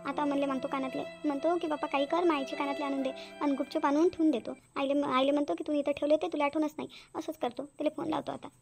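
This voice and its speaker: Brief: a woman as young village daughter in a cartoon, full of self-blame, quick high speech. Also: steady tone, gravelly, a little mellow, soft background music. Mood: remorseful. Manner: guilty, self-reproaching monologue. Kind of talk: cartoon voice acting.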